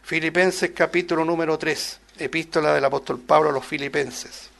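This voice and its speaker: A man preaching a Bible-study sermon, rising loud on scripture quotes and dropping soft on asides, often calling listeners "brother" and asking rhetorical questions. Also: fairly high pitch, fairly even intonation, normal speed, creaky. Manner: addresses listeners as "hermano", many rhetorical questions.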